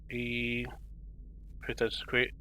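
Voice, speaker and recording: A man's voice: mid-range voice, moderate pace, bright, forceful tone, slight background noise. A man acting as game master, narrating a tabletop role-playing game off the cuff and ruling on players' actions.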